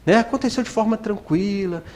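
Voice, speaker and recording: A man's voice: sits high, fairly quick, a little mellow, natural voice. A man voicing a soothing cartoon shoulder angel.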